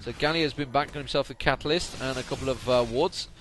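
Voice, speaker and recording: Speaking at a quick pace in a mid-range voice, a weary man rambles through solo commentary on a video game late at night, correcting himself often. He works as an esports commentator. A steady noise hums beneath his voice.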